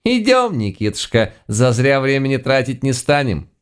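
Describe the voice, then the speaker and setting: A man voicing a feisty, sharp-tongued old witch woman in a folksy scolding way. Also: medium pitch, sing-song, normal speed, smooth, pitched above the performer's own voice, close to an everyday voice. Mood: mocking.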